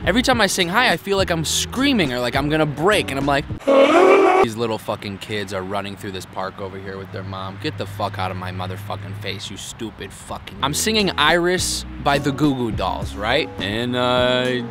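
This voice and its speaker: Music plays behind a young man filming a casual vlog in a city park. His medium-pitched voice is very animated at a moderate pace as he talks bluntly and crudely to camera, swearing heavily and making fun of himself.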